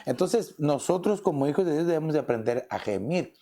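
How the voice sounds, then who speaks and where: A man's voice: a little high, lively intonation, fairly quick, mellow. A man, a pastor, preaching a conversational sermon and often tossing in rhetorical questions. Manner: asks rhetorical questions, often adds "¿verdad?".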